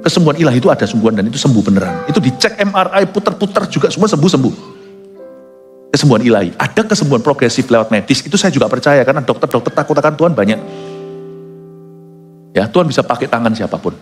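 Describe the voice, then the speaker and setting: A male pastor preaching emphatically, mixing English phrases into his sermon and swinging from low asides to loud high peaks. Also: sing-song, quick pace. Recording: long hall reverb with soft music behind.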